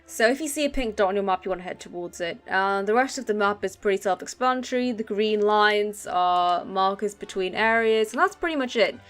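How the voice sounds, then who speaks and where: Woman gaming host, casual walkthrough talk, mid-pitched, chatty with fillers. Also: fairly quick, few pauses, fairly bright tone, soft background music. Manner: casual, explains controls with fillers. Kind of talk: let's play commentary.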